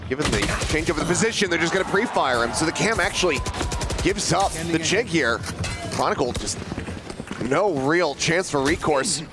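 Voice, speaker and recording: Man, esports caster, excited play-by-play, dramatic flowing delivery, prominent game music behind. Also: on the high side, normal speed. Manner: dramatic, flowing narration of live action. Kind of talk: excited esports match commentary.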